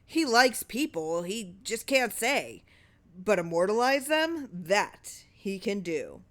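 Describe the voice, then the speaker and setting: In an audiobook story, a woman gives voice to a wily old male lawyer who flatters and persuades with rhetorical flair. She speaks slowly at a medium pitch.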